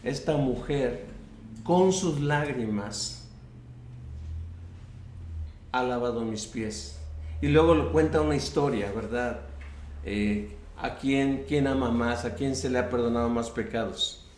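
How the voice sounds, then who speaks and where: A man's voice: mid-range voice, slow, long pauses, darkish tone, slight background noise. A man preaching a sermon as pastor, acting out prayers and quoted speech, often restarting his phrases. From US-Mexico border region. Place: church sanctuary. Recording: echoey church room.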